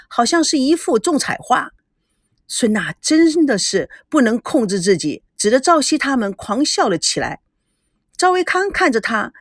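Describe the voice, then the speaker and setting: Expressive woman storyteller, lively pitch. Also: no room sound, studio quality. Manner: expressive, dramatic narration. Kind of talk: reading a serialized novel aloud.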